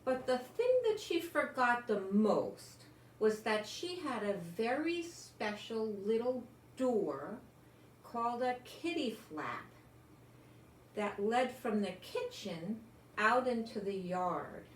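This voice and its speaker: Slow and animated, a somewhat high-pitched older woman tells a picture-book story aloud, lingering expressively on words. She peppers the read-aloud with chatty asides, speaking as to small children, in a roomy home recording carrying faint noise.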